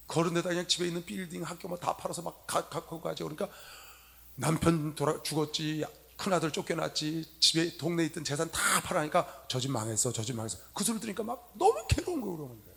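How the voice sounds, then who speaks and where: A middle-aged man preaching a sermon to young people in a convention hall, telling stories with loud stresses and soft asides. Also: a little high, creaky. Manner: animated storytelling, swinging from loud emphasis to soft asides. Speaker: pastor.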